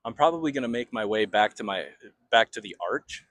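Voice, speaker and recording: Casual American man, halting, dry sound. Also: medium pitch, animated, fairly bright tone, dry recording. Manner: rambling, halting, repeats phrases. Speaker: street interviewer. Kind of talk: casual, unscripted street talk.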